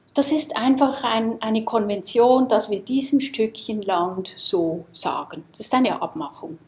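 A woman teaching meditation, speaking slowly and unhurriedly to a group. Her tone is calm and reflective, and she keeps turning to the room with gentle questions. Her voice sits at a middle pitch. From Switzerland. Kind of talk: Dharma talk to a group. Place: seminar room.

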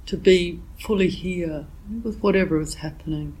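A woman meditation teacher giving a dharma talk while she has a cold, reflective and gently searching for her words. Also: fairly low pitch, steady tone, slightly rough, rough recording. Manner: reflective, unhurried, gently searching for words with frequent "yeah" and "you know". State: has a cold, voice a bit thick.

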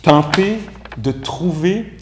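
A man with a Québécois French accent giving a relaxed, conversational Buddhist dharma talk as a meditation teacher, with gentle self-mocking humor. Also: a little high, drawn-out words, a little hiss or hum. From Quebec. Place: room with a live group. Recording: echoey room recording.

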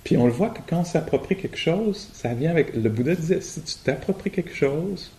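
A man with a Québécois French accent giving a relaxed, colloquial and humorous meditation talk at a retreat, often laughing. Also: fairly high pitch, a little fast. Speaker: meditation teacher. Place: retreat hall.

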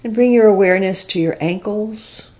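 A female teacher guides a body scan meditation, giving gentle, reflective instructions at an unhurried pace with long pauses. Her voice is medium in pitch.

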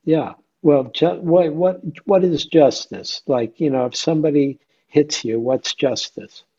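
A meditation teacher with a slightly high, mellow and somewhat rough voice speaks a little slowly, recorded with dull audio. He runs an informal question-and-answer dharma session, questioning conversationally and checking in with listeners.

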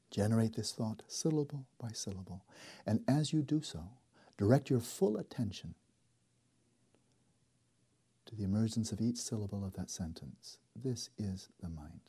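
A man leading a guided meditation as a teacher, speaking slowly and softly with deliberate pauses and a husky edge. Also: fairly low pitch, expressive. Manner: slow, soft and deliberate, with long pauses.

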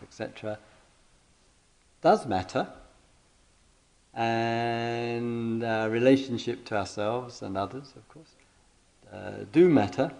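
A man speaks as a meditation teacher in dialogue with a student. His delivery is deliberate and halting, circling back over phrases as he frames his questions. His pitch sits in the middle range. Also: dark tone. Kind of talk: question-and-answer spiritual dialogue.

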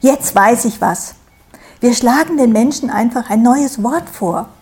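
A woman voicing a proud, touchy little piece of straw in a storybook fable, with a piping, squeaky voice and an indignant, defiant way of talking. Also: measured pace, a little mellow.

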